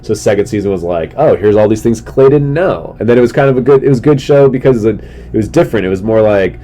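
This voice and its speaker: A middle-aged comedian hosts a solo podcast, rambling casually with slangy asides in a fast, expressive, dark voice. He sounds sick and congested, losing his voice and clearing his throat, over noticeable background noise with a low rumble.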